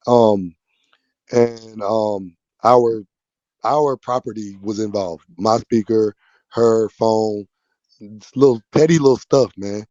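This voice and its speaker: Man, stream host, casual rambling talk, mellow low voice, dull dry audio. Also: no room sound. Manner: rambling, restarts often, addresses viewers. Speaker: live-stream panel host.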